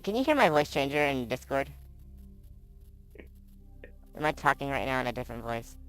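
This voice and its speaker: A man running a tabletop game whose voice is pushed up by a voice changer, blunt and gruff. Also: sing-song, moderate pace, a bit bright, faint music behind. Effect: voice changer pitching the voice up, chipmunk-like. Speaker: game master.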